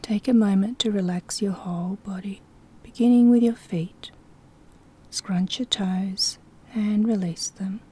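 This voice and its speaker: This hypnosis guide's voice is mid-range, breathy and whispery, with fairly even intonation and a slightly slow pace. Soft-spoken and soothing, she gently directs the listener through a sleep hypnosis session.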